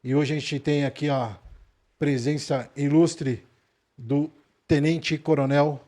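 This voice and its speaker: Casual male podcast host, warm mellow tone, chatty. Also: on the high side, steady tone, slow. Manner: loose, chatty, many fillers.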